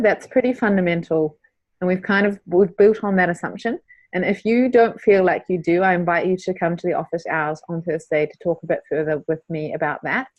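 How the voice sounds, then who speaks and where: A woman's voice: lowish voice, dry recording. A woman with a New Zealand accent leading an online class call, speaking informally and calling on people by name. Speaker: course facilitator. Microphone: video call.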